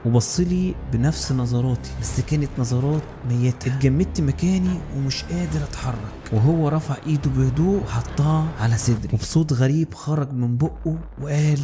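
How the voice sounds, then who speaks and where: A man's voice: mid-range voice, a little fast, hardly any pauses, music in the background. A man with an Egyptian accent telling a first-person horror story in a tense, scripted narration. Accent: Egyptian Arabic.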